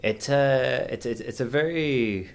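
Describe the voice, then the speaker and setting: Gravelly and mid-range, this voice belongs to a thirty-something man from Venezuela appearing as a podcast guest. He keeps a measured pace while chatting casually, hesitating often with fillers and restarts.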